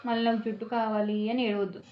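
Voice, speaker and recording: A woman's voice: a little high, little pitch movement, fast talker. A mother, coaxing and teasing her toddler in sing-song questions. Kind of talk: playful chat with a small child. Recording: muffled echoey home room.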